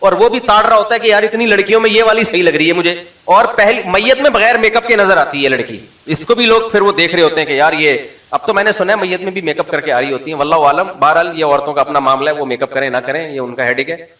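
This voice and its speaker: A man gives a humorous religious lecture. His voice is fairly high and sharp, and he tells stories with lively mimicry. The sound is roomy and he stands a bit back from the mic. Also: fast, distant mic. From Pakistan. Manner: animated storytelling, mimics the people he quotes. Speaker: Islamic scholar.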